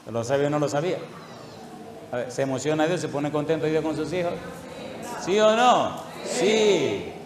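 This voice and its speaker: Older male pastor, slightly high voice, emotional and affectionate, sermon in a reverberant church hall. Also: animated, moderate pace, pauses often, a crowd in the background. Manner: emotional, chuckling, fond asides and rhetorical questions to the congregation.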